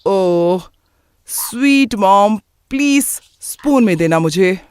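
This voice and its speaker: Cartoon lead: a brash young guy, lazy drawl, dismissive slang, unhurried. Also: high-pitched, lively intonation, clear, resonant tone, dry recording, studio quality. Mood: breezy. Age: young adult. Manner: drawling, dismissive, sprinkled with English words. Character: cocky young man mixing in English slang. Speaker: son. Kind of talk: cartoon voice acting.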